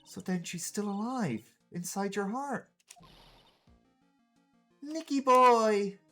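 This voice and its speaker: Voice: mid-range voice, expressive, slow pace, a bit bright, soft background music, voice pushed up. A streamer voicing a cheerful, worried young female spirit medium in a game read-through.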